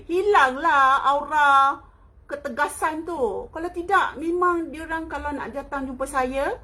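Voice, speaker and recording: A woman's voice: sits high, a bit bright. A middle-aged Malaysian woman hosting a live talk, chatting with viewers, laughing often and mixing English phrases into her speech. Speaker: online talk host. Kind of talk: live-stream chat answering viewers.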